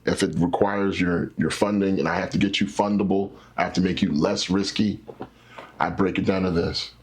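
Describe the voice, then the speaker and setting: A man with a deep, low-set voice and a husky grain to it. He talks like a patient teacher, breaking ideas down into simple steps. He keeps it animated with acted-out examples as an interview guest. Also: normal speed. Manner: animated, teacherly, acts out scenarios. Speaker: credit specialist guest. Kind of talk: explaining with stories in an interview.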